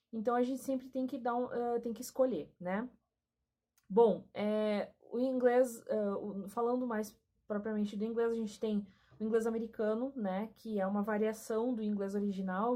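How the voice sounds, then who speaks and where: A woman's voice: fairly high pitch, dark tone. A woman with a Gaúcho Brazilian accent from southern Brazil, teaching a casual lesson and often tagging her sentences with a questioning aside. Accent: Gaúcho Brazilian Portuguese. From Rio Grande do Sul, southern Brazil. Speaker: language teacher.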